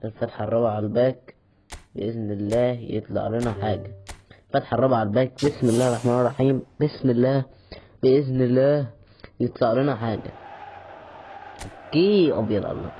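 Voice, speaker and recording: Fast-talking Egyptian man opening packs. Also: mid-range voice, steady tone, warm tone, slight background noise. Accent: Egyptian Arabic. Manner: chatty, mock-exasperated pleading with the game. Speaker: gaming YouTuber. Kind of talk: casual pack-opening commentary.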